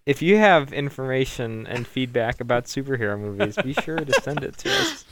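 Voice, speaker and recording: A man co-hosting a casual podcast, playful and quick to laugh. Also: medium pitch, sing-song, very noisy. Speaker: podcast co-host.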